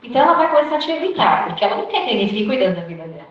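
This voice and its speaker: A woman's voice: fairly high pitch, very animated, rapid-fire. A Brazilian woman with a Brazilian Portuguese accent giving an informal sermon to a women's group, chatty, acting out quoted dialogue and often adding "né?". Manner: conversational, acts out quoted dialogue, frequent "né?" tag questions. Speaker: women's ministry teacher. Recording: echoey room, distant mic, dull lo-fi sound.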